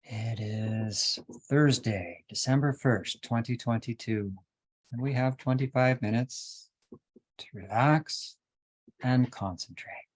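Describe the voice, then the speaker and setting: A teacher guiding meditation, he speaks at a medium pitch, calm and deliberate, letting long pauses settle between each measured phrase.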